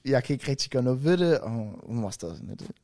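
Give me a young man telling an animated, rambling story in a dry studio. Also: medium pitch, creaky, no room sound. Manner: rambling, animated retelling with frequent restarts. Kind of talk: casual storytelling chat.

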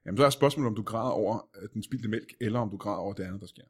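A man's voice: fairly low pitch, breathy edge. A man hosting a comedy podcast, asking dry, probing follow-up questions. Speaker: podcast host. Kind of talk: comedic interview.

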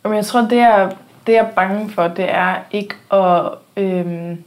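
Candid, animated woman podcast host. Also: medium pitch. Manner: animated, candid, swears freely, acts out quoted voices. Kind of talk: casual conversation. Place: podcast studio.

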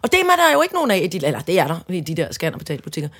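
A woman in her fifties from Denmark, co-hosting a casual comedic chat, telling stories with animated rants. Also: fairly low pitch, slightly rough. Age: 50s. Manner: animated storytelling with loud mock-angry outbursts and put-on voices. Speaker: podcast co-host.

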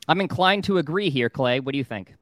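A man hosting a sports betting talk show, reading out odds and moving briskly from one segment to the next. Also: on the high side, expressive, fairly bright tone, no room sound, clean studio sound. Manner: brisk, moves the segments along.

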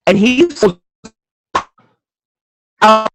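A man's voice: sits high, extremely slow. A man chatting casually over a video call, his voice breaking up into half-robotic glitches as he trails off mid-sentence. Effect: glitchy half-robotic audio over a video call. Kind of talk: casual chat.

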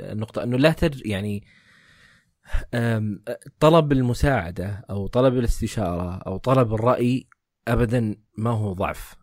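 Brisk reflective host. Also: male voice, fairly low pitch, a little mellow, no room sound, clean studio sound. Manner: hesitant, many fillers and restarts. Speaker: podcast host. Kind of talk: reflective conversation.

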